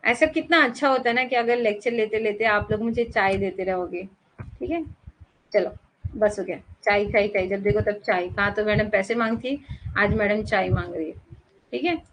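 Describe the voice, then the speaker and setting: A woman's voice: mid-range voice, moderate pace, a bit bright, a little hiss or hum, poor audio. A young woman teacher giving a chatty exam-prep lecture, mixing English terms into her explanations and asking her students questions.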